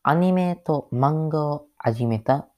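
Very slow-talking man, halting learner's speech. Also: fairly high pitch, a little mellow. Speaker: podcast host. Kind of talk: solo podcast monologue.

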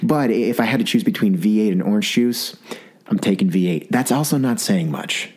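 With a scratchy, sore-throat voice that sits on the low side and carries a breathy edge, a young adult podcast host moves briskly through a comedic solo monologue. His storytelling is animated and rambling, and he keeps restarting.

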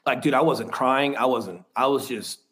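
A man's voice: mid-range voice, moderate pace, a bit bright. A man in his thirties, a podcast guest, telling a personal story in a frank, rambling way with casual swearing.

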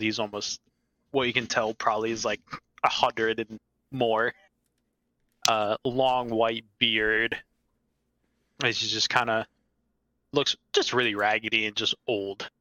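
A man's voice: fairly low pitch, sharp tone, no echo, poor audio. A man running a tabletop game as game master, narrating casually with many fillers. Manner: casual, filler-heavy, laughs easily.

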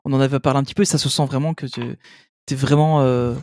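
A man's voice: medium pitch, steady tone, quick pace, darkish tone, dry recording, clean studio sound. A man hosting a podcast, agreeable and hesitant, restarting his sentences often. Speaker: podcast host. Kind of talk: casual podcast chat.

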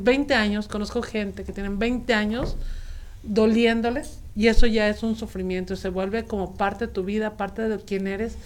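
A woman co-host with a Mexican Spanish accent, chatting casually and acting out quoted voices while telling a story. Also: mid-range voice. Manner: lively storytelling, quotes others, colloquial. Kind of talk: casual panel talk.

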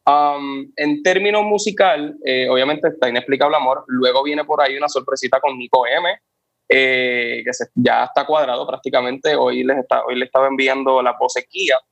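A man's voice: vocal fry, no echo, lo-fi sound. Puerto Rican man telling a story. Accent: Puerto Rican Spanish. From Puerto Rico. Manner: animated, acts out dialogue with pitch jumps. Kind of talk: casual interview storytelling.

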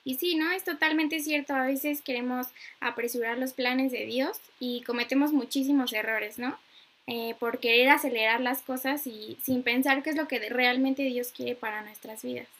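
A woman's voice: high-pitched, fairly even intonation, normal speed, a bit bright. A woman on a faith podcast who reads a Bible verse and a quote aloud and comments earnestly. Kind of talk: casual faith-based podcast talk.

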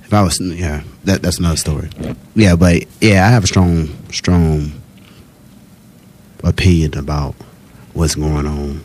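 A man in a casual podcast chat, speaking haltingly with many restarts. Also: deep voice, fairly even intonation, darkish tone, slight background noise. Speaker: podcast guest.

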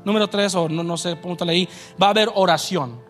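A man's voice: high voice, fast, fairly bright tone, faint music behind. A male pastor preaching a sermon in a church, emphatic and conversational, often checking in with the congregation. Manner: emphatic preaching with frequent "¿verdad?" asides. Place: church sanctuary.

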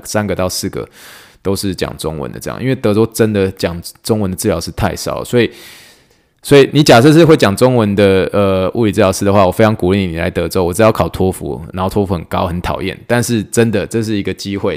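A man hosting a casual podcast, a physical therapist who talks fast and laughs often, slowing down for English phrases. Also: sits low. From Taiwan. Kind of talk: casual podcast monologue teaching clinical English.

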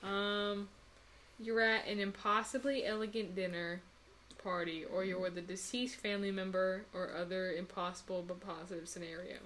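Expressive young woman with faint noise behind. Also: mid-range voice, moderate pace. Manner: expressive, reacts with groans and interjections. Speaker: podcast co-host. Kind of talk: casual chat.

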